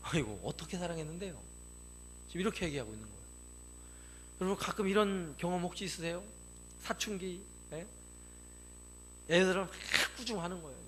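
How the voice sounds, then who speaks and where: A male pastor giving an animated sermon in a church, asking the congregation questions and acting out quotes. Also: high voice, fairly quick, pauses often, a little hiss or hum.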